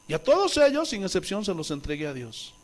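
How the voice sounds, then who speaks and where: A male pastor from Bolivia preaching a sermon, impassioned and swinging from loud exclamations to quiet asides, acting out quoted voices. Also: high voice, huge pitch swings, a little fast. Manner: acts out quoted voices with wailing and pleading tones.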